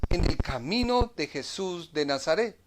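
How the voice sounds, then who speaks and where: Slow, emphatic male Bible teacher. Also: on the high side, sing-song, background noise. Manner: emphatic, repeats phrases, asks rhetorical questions. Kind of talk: Bible study preaching.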